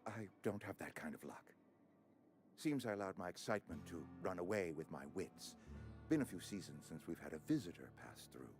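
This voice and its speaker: An actor playing an officious, smarmy town administrator in a video game, speaking in a formal, unctuous manner. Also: male voice, sits low, lively intonation, fairly quick, a little mellow, soft background music. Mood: smooth, scheming. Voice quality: slimy. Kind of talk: video game character acting.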